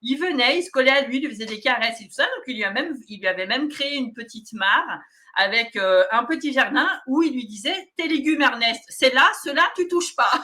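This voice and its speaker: Bright-voiced woman telling anecdotes. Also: on the high side, fast talker. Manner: animated, laughs often while telling anecdotes. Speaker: medium, guest. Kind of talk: casual storytelling.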